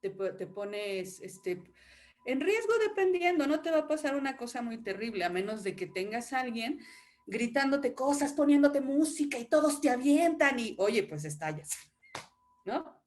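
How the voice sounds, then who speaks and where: A woman, an acting teacher giving an animated panel talk with demonstrations and laughing asides over a video call. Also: high voice, moderate pace. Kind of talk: panel presentation.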